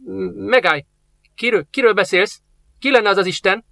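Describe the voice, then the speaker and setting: A man voicing a frightened old male embalmer who pleads in a high, anxious voice. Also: very animated, sharp tone, dry recording, heavily acted.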